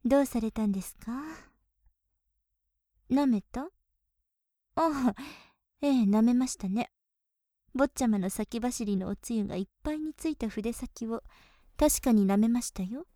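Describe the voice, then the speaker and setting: Woman as a softly teasing young maid, whispered role-play. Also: fairly high pitch, measured pace, long pauses, dry recording, clean studio sound, close to an everyday voice. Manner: polite, softly teasing, with breathy giggles.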